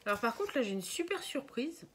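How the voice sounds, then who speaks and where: A woman's voice: sits high, very animated, fairly quick. A woman showing her craft purchases in a casual vlog, chatting and thinking aloud with frequent hesitations. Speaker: crafting vlogger. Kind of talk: casual show-and-tell vlog. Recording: noisy home recording with crinkling packaging.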